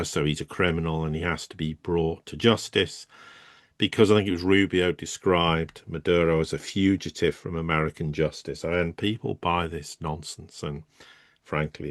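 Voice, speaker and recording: Brit guy co-hosting, really deep voice, goes off on emphatic tangents, dry sound. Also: a bit bright, no room sound. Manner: emphatic, rambling asides. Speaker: co-host. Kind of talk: geopolitical commentary.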